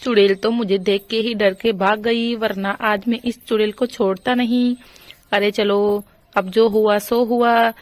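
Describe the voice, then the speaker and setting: A woman voicing a village husband and father in a doll storybook, speaking in a lowered voice with a fussing, boastful manner. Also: flat delivery, unhurried, dry recording, natural voice.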